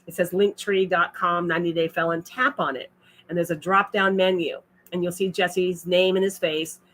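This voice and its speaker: A woman's voice: fairly low pitch, little pitch movement, normal speed, a bit bright. A woman hosting a casual livestream, chatting and reading viewer comments aloud with frequent laughs. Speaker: livestream host.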